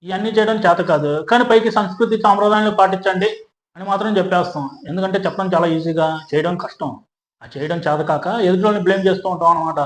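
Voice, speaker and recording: A man's voice: high voice, reverberant, rough recording. A man giving opinion commentary to camera, rhetorical and emphatic, repeating phrases and asking listeners "hmm?". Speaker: social media commentator.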